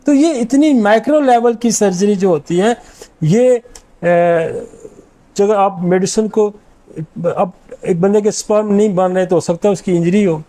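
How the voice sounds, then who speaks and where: A man's voice: high voice, warm tone. A middle-aged man, a homeopathic doctor, giving an informal lecture and confidently rattling off long lists of remedies.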